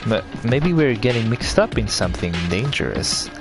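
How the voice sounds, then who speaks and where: A man with a fairly low but lively voice reads game dialogue aloud, laughing and restarting as he goes. His mouth is dry, and game music plays clearly behind him. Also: normal speed. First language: Swedish. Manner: laughing, self-correcting. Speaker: gaming YouTuber. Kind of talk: let's play, reading game dialogue aloud.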